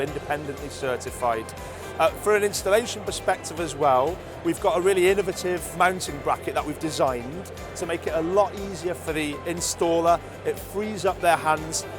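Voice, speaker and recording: A man interviewee with a slightly high voice walks through a product conversationally. His delivery is measured and peppered with ums and filler phrases.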